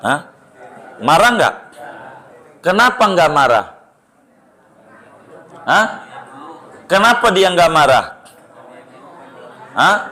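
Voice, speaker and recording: Man, middle-aged, preacher, unhurried delivery, swooping pitch, playful rhetorical questions. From Indonesia. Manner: animated, rhetorical questions to the audience, jokes. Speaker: Islamic preacher. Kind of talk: sermon to a live congregation.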